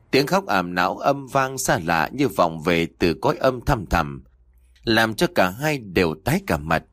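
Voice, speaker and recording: A male narrator tells a horror story in a low, deep register. His pitch rises and falls with dramatic expression. The recording is close and dry, with no room sound. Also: fairly bright tone, dry recording.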